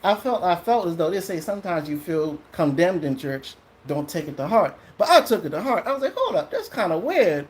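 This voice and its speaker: A man telling a personal story in a casual, animated monologue. He swears freely and acts out what other people said. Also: high voice, a little fast, hardly any pauses. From Trinidadian family in the US.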